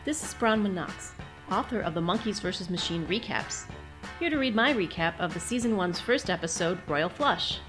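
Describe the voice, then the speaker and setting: A woman's voice: on the low side, lively intonation, normal speed, music in the background. A woman hosting a podcast, reading her own written episode recap with fond enthusiasm. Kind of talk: scripted reading.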